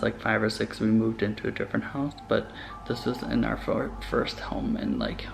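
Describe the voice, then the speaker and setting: Young guy vlogging at home, creaky gravelly voice, kinda hesitant n rambly, music playing under him. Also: medium pitch, poor audio. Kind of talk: casual vlog storytelling to camera. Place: inside a house. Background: background music.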